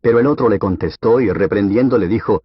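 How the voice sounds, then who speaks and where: A man with a low, husky voice reads scripture aloud at a steady, measured pace, as an audiobook. The recording is dry and dull, with a lo-fi edge. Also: no room sound. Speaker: Bible reader.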